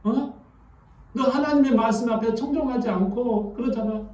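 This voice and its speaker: A preacher voicing God as a stern figure who scolds and refuses a blessing. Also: male voice, very high-pitched, normal speed, mellow, highs cut off. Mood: scolding. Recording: echoey church from far off.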